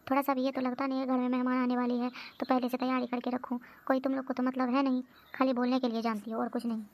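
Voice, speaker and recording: A woman's voice: high-pitched, little pitch movement, fast talker. A woman voicing a bossy, hot-tempered cartoon sister. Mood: grumbling, scolding. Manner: scolding, complaining. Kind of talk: cartoon voice acting.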